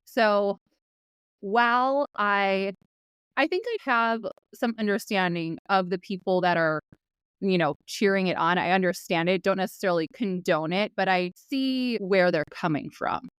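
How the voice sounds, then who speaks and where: A woman's voice: medium pitch, measured pace, a bit bright, clear, resonant tone, dry recording, clean studio sound. A woman co-hosting a podcast, talking casually and with opinion about current events. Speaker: podcast co-host.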